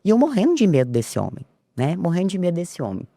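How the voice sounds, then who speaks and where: A woman's voice: huge pitch swings, quick pace, mellow, no echo, clean studio sound. A woman, a podcast guest telling a personal story and acting out the dialogue. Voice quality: low voice. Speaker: interview guest.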